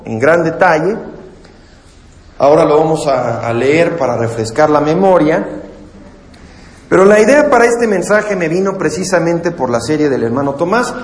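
A man's voice: on the high side, a little mellow. Earnest male preacher in an echoey hall. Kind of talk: sermon. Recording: echoey hall with long reverb.

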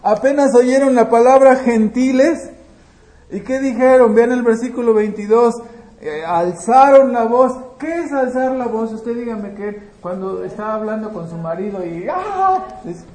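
A man preaching a sermon. He asks the congregation questions and answers them himself, and he swings between loud emphasis and quiet asides, with frequent restarts. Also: very high-pitched, fairly even intonation, normal speed, reverberant, rough recording. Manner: frequent restarts and checking "¿verdad?".

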